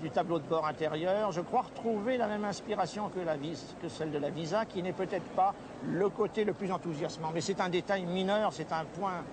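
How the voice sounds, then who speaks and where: A man, a motoring journalist, giving crisp, assured answers in an interview at a busy exhibition hall. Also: high voice, brisk, hardly any pauses, noisy background.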